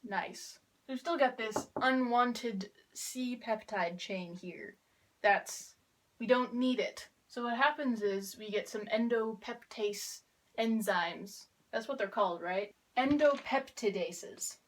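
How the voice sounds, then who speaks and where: A teenage girl making a class video, explaining a biology topic in a casual, wry, deadpan way while kneeling to draw with chalk. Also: on the high side, takes it slowly, low-quality recording. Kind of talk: casual explainer with sarcastic asides. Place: kneeling on the ground drawing with chalk.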